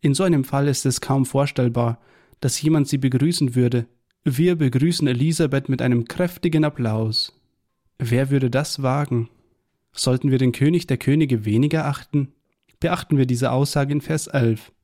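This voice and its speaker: A man reading a devotional Bible tract aloud in a measured, earnest way, quoting scripture verses. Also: medium pitch, fairly even intonation, dark tone.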